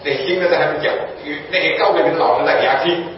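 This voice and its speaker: A man's voice: on the high side, very fast, slight background noise. A man preaching a sermon, teaching a church audience and often asking rhetorical questions, then answering them himself. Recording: echoey room from far off, dull lo-fi.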